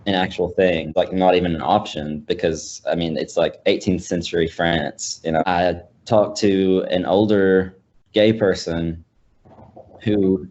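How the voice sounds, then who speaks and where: A man's voice: low-pitched, fairly even intonation, a little slow, a little mellow, muffled recording. A young man in casual film discussion, talking hesitantly with many fillers and restarts. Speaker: college student panelist.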